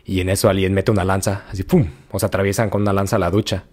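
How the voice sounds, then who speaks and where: A Mexican-accented man retells a story in loose, slangy chat with a fairly low voice. He keeps breaking into acted-out quotes. His delivery is casual and lively. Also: fast talker. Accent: Mexican Spanish. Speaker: podcast host.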